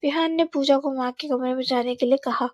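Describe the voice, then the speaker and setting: A woman narrating a scripted family drama story in a steady storytelling manner. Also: high-pitched, brisk, dry recording. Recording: slightly dull, dry recording.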